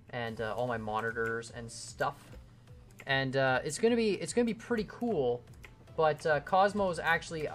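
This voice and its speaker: A young man with a fairly high, fairly bright voice is live streaming a game from his home computer. He chats and rambles casually while building in the game, answering his viewers as he goes.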